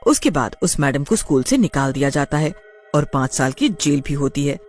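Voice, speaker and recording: A woman narrates a scripted cartoon story with expressive, dramatic delivery. Her pitch rises and falls in lively swings. Faint music plays softly behind her. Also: moderate pace.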